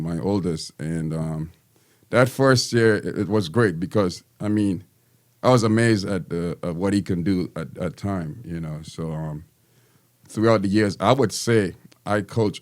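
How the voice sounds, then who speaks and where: A Guyanese teacher and basketball coach in his fifties answers interview questions in a friendly but halting way, with many ums. His voice sits low.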